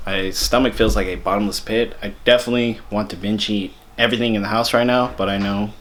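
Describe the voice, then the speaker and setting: A man's voice: lowish voice, steady tone, fast talker, fairly bright tone. A young man, narrating his fitness vlog in a laid-back, slangy way. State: out of breath while hiking. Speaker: fitness vlogger. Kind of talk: casual vlog voice-over.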